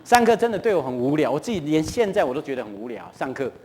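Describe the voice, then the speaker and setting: High-voiced Taiwanese man lecturing in a hall. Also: sing-song, fast, dark tone, a little hiss or hum. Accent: Taiwanese Mandarin. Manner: chatty, keeps asking the audience questions. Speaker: guest lecturer at a church. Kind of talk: lively storytelling talk to a live audience. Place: church hall. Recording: reverberant church hall.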